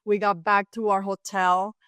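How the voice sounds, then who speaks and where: A woman in her fifties from Cuba, telling a personal story as a podcast guest with animated asides. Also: mid-range voice, moderate pace, clean tone, no echo. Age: 50s. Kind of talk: storytelling in an interview.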